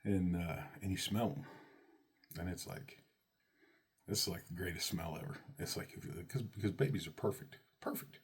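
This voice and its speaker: A man telling a personal story about being a father, animated and leaping high on exclamations. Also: normal speed, breathy edge.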